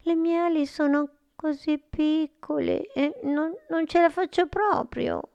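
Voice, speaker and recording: A woman voicing a small, timid young female flying monster with a squeaky, hesitant voice. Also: a little slow, creaky, a little mellow, dry recording, lo-fi sound. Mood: pleading.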